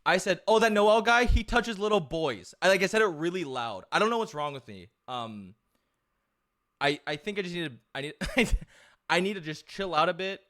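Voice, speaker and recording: A man telling a travel story in an animated, profane, self-mocking way. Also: on the high side, normal speed. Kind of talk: casual storytelling.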